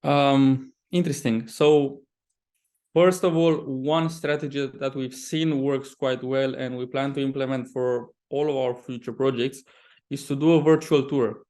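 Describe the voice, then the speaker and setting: A man's voice: medium pitch, fairly even intonation, darkish tone. Male interview guest, property developer type, Romanian accent, mid-range voice, conversational with stop-start phrasing. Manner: halting, often repeats words mid-sentence.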